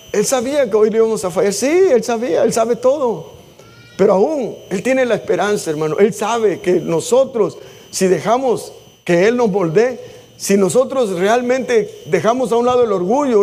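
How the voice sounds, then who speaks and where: A man preaches to his congregation in a strikingly high voice. He pleads and exhorts, dropping into spoken prayers. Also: a little mellow. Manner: impassioned preaching, acts out prayers. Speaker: pastor. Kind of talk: sermon. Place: church.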